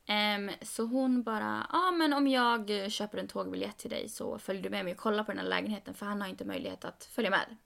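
Animated young woman with a gravelly edge. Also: mid-range voice, hardly any pauses. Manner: animated, quoting others with "jag bara" and rising emphasis. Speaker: podcast co-host. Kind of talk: casual storytelling chat.

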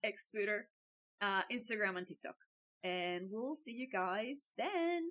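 A woman's voice: mid-range voice, lively intonation, measured pace, fairly bright tone, poor audio. Breezy woman podcast host signing off. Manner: breezy and chatty, with fillers and self-corrections. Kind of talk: casual chat, signing off the episode.

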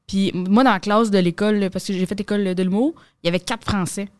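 Speaking at a medium pitch with no echo, this young Québécois comedian guest tells stories on a podcast. She's from Quebec, and her casual chat is fast, full of slang, and lively.

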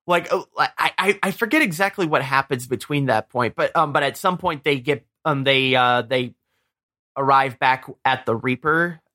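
A man co-hosting a podcast, chatting casually about a movie and often pausing to search for words. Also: medium pitch, bright, forceful tone. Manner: hesitant, many fillers and restarts. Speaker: podcast co-host.

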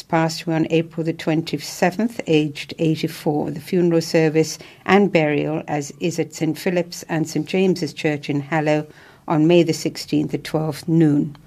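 A woman with an English accent reads local newspaper notices from a script in a measured, solemn, orderly manner. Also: deep voice, a little mellow. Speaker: newsreader for a local talking newspaper. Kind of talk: scripted news reading.

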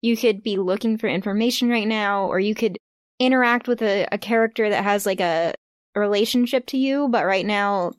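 A woman's voice: mid-range voice, brisk, no echo, studio quality. A woman running a tabletop role-playing game, easygoing and guiding the players. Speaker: game master. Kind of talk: casual role-play table talk.

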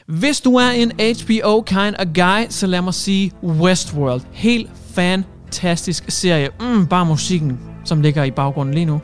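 A man's voice: high voice, animated, few pauses, faint music behind. A man hosting a radio show, delivering a cheeky, jokey news monologue and dropping English phrases into his talk.

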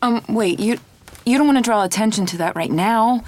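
A woman's voice: a little high, a little fast, darkish tone, lightly acted. A woman playing an anxious wife hoping to adopt, who keeps apologizing and talks herself through things in an audio drama. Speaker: wife preparing for an adoption home visit.

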